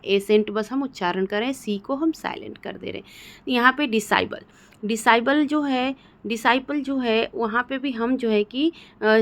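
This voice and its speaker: A woman from India, patiently explaining English spelling rules as a teacher and often checking that her students follow. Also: fairly high pitch. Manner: patient, repeats "theek hai" to check understanding.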